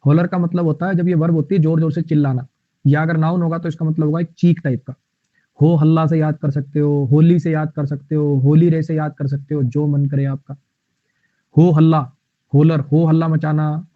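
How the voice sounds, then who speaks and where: A man with a fairly high voice teaches English vocabulary in a live online class. He explains words with playful memory tricks and reads the example sentences slowly. The sound is tinny and phone-like, with no room echo. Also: level tone.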